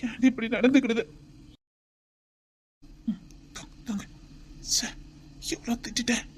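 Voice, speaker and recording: A woman's voice: fairly high pitch, fairly even intonation, measured pace, slightly rough. A woman with a Tirunelveli Tamil accent voicing a doting young husband and father-to-be, tender and pleading, often near a whisper. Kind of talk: homemade web drama.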